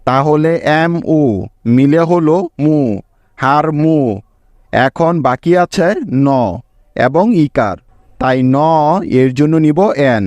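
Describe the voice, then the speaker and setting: Male teacher, patient lesson voice, spells letter by letter, slightly high pitch, dry close-miked recording. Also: a little mellow, no room sound, lo-fi sound. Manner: slow, patient, spells out letters one by one and quizzes the viewer.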